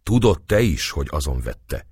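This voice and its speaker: A man's voice: very deep voice, big pitch swings, darkish tone, husky, dry recording, full character voice. A man voicing an old priest whose speech is muffled, with blurred consonants. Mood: stubborn. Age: older.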